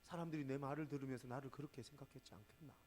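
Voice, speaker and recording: A man preaching a sermon as pastor. He asks the congregation rhetorical questions, and he swings between loud exclamations and quiet asides. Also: medium pitch, very fast.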